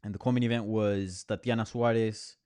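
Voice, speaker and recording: A male host chats through viewer questions on a live stream from his apartment by a hospital, rambling with frequent fillers and restarts. His voice sits on the low side, smooth and darkish, brisk with fairly even intonation, in an echo-free studio-quality recording.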